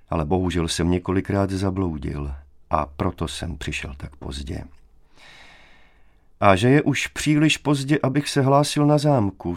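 A composed, weary surveyor , as a male narrator voices him, speaks softly and coolly in a very low voice. The recording is dry and close, like a studio audiobook. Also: no echo.

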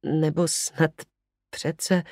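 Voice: medium pitch, level tone, a little mellow, no room sound, clean studio sound, close to an everyday voice. A reader voicing a frivolous, imperious young woman who speaks sharply and commandingly in an audiobook. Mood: musing, teasing. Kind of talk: audiobook character reading.

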